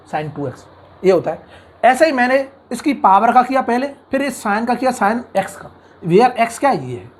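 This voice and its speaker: A man's voice: sits high, slightly rough. A man teaching engineering mathematics in an online lecture, coaxing the class with constant questions and acting out imagined student objections. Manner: brisk, coaxing teacher who asks the class questions and answers them.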